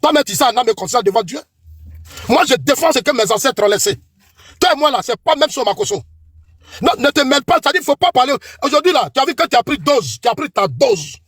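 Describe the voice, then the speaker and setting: A man's voice: very high-pitched, sing-song, fast talker, fairly bright tone, husky, no echo, studio quality. A middle-aged man with an Ivorian French accent, delivering a combative, accusing political tirade that repeats lines for emphasis. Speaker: political commentator.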